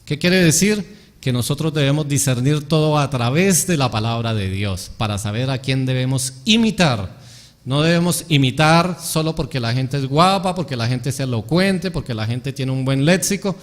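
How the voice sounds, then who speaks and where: A man's voice: medium pitch, lively intonation, normal speed. A man, a pastor, preaching a sermon and putting rhetorical questions to his congregation. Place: church hall. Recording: long hall reverb.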